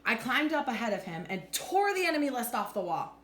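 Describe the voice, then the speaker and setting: A woman reads a children's storybook with very lively, swinging intonation. Her manner is animated and expressive, as in a teacher's storytime. The room is echoey, with faint noise behind her. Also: a little high, a little fast. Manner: animated, clearly acts out lines. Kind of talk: expressive storybook read-aloud.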